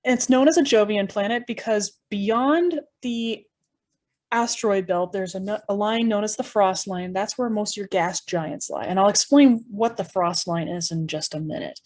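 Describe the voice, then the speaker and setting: A woman's voice: mid-range voice, normal speed, a little mellow. A woman presenting an educational tour in a conversational, explanatory way, with informal asides and rhetorical questions.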